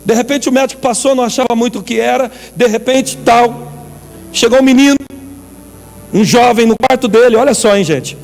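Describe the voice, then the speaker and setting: A male pastor with a Brazilian Portuguese accent, preaching an animated sermon and calling on the congregation to respond. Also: very high-pitched, fairly quick, gravelly. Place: church. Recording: church hall reverb, faint music.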